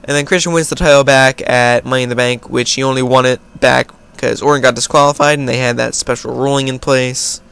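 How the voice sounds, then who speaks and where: A man's voice: medium pitch, steady tone, fairly quick, vocal fry, few pauses, a bit bright, clean tone. An American man hosting a casual question-and-answer video, reading viewer questions aloud and then answering in an offhand way. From United States. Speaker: video host. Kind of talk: casual Q&A vlog.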